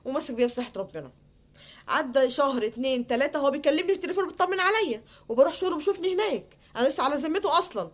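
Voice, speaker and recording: A woman's voice: high voice, lively intonation. A woman with an Egyptian accent telling a personal story casually, acting out the quoted back-and-forth between people. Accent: Egyptian Arabic. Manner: acts out quoted dialogue in quick back-and-forth.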